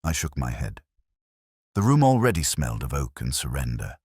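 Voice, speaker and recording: Narrating a first-person noir detective story, this man has an extremely deep, cavernous voice that is a little mellow with a breathy edge. He sounds measured and brooding but sing-song, rising and falling expressively across each line, and the sound is close and totally dry, without any room.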